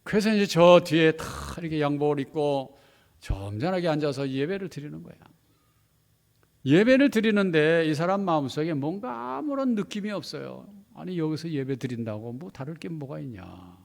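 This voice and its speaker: A male pastor preaching to his congregation, telling a story dramatically and swinging from hushed to loud. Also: on the high side, big pitch swings, moderate pace, creaky, big-room sound. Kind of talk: sermon storytelling. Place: church hall.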